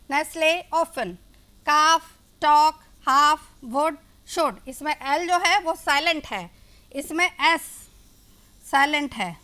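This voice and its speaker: A woman's voice: high-pitched, sharp tone. A woman teacher, explaining English words in Hindi to children during a classroom lesson.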